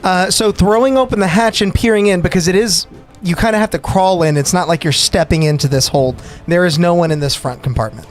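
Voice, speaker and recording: A man with a high-pitched voice narrates a tabletop game as its game master. He talks conversationally, and music plays behind him. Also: fairly quick. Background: background music.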